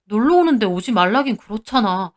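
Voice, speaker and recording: A man's voice: high-pitched, expressive, brisk. A woman voicing a cheating husband who pleads and makes defensive excuses in a storytold drama.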